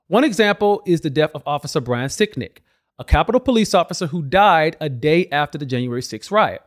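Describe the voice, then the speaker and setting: Male host, high voice, animated intonation, sarcastic and mocking, scripted political commentary. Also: fairly quick.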